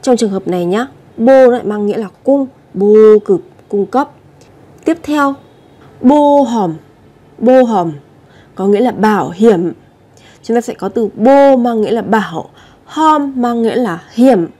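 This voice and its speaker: A woman's voice: a little high, expressive, unhurried, dark tone, slightly rough. Patient woman teaching vocabulary. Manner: patient, repeats each word, addresses viewers directly. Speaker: Korean language teacher. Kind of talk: vocabulary lesson explanation.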